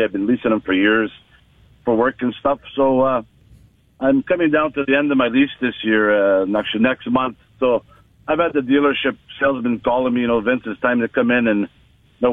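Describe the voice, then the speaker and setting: A man's voice: medium pitch, dry recording. A man calling in to a radio show, talking plainly and friendly. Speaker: caller. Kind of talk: casual phone-in call. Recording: dry, tinny phone line.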